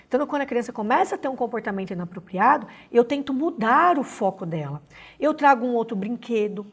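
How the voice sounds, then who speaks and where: A Brazilian woman lectures her class in a husky, slightly breathy voice. She explains patiently, step by step, and keeps tagging her sentences with quick questions to the listeners. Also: medium pitch. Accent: Brazilian Portuguese. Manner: explanatory, frequent "né?" tag questions. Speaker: instructor.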